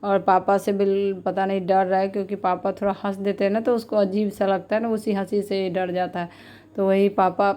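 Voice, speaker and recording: A woman's voice: mid-range voice, little pitch movement, normal speed, dark tone. A woman vlogger in her thirties talking casually and with feeling, often repeating herself. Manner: chatty, repetitive, heartfelt. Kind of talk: casual vlog narration.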